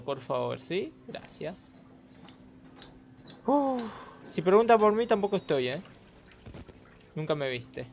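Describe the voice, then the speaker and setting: A young Argentine man narrating a horror game he is playing, his voice a touch high. He is excitable and jumpy, swearing freely and yelping at scares, with faint background noise behind him. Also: vocal fry. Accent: Argentine Spanish. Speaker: gamer. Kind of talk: horror let's play commentary.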